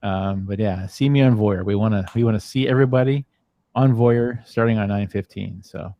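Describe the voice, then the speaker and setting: A man with a lowish voice hosts a casual livestream, rambling through his points with plenty of ums and uhs. His voice sounds close and dry, with no room around it. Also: normal speed, warm tone, dry recording. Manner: rambling, filler-heavy. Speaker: founding member and host. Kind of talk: livestream chat.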